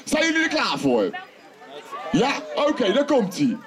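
A man with a very high, bouncy voice works a crowd of children as a festival clown. He shouts out questions and jokes with them. It is recorded in the open air with the kids' noise behind him. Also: wildly swooping pitch, measured pace. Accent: Dutch. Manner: playful, shouting to the crowd, teasing. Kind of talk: lively clown patter for children. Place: outdoor festival stage.

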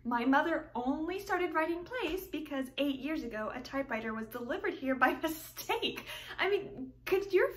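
A young woman playing a heartbroken heroine in a stage monologue, pleading haltingly with tragic sorrow, torn and earnest. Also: high voice, lively intonation. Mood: anguished pleading. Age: young adult. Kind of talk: dramatic theatre monologue. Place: small plain room, indoors. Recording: distant mic, faint room noise.

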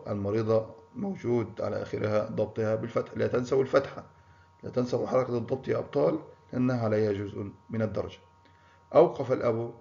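A man's voice: mid-range voice, dark tone. A man teaching a primary school grammar lesson, encouraging pupils and praising them by name. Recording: muffled lo-fi recording.

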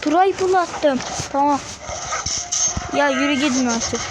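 A woman giving casual commentary while playing a mobile game, excitable and trash-talking the enemies. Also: sits high, takes it slowly, heavy background noise. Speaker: mobile gamer. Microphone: phone screen recording.

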